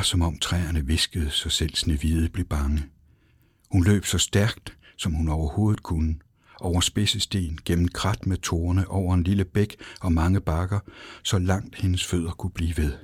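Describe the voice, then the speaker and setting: A man narrates a fairy tale in a deep, husky voice, with expressive and dramatic reading. The sound is dry and close, with no room around it. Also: no echo. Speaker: storyteller. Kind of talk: storybook narration.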